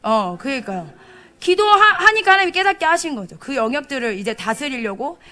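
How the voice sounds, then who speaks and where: A young adult woman pastor preaching a sermon, telling stories with animated quoted speech and frequent laughter. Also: high voice, fast. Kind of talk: sermon with storytelling. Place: church service.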